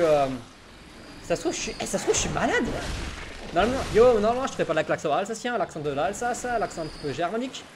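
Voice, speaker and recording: High-voiced young man joking over gameplay. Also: noisy background. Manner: chatty and joking, laughs often. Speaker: let's play gamer. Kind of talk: casual gameplay commentary. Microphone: home streaming mic setup.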